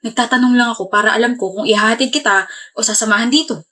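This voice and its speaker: A woman playing a blunt, teasing young man in a comedy skit, with a deadpan manner. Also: fairly high pitch, fast.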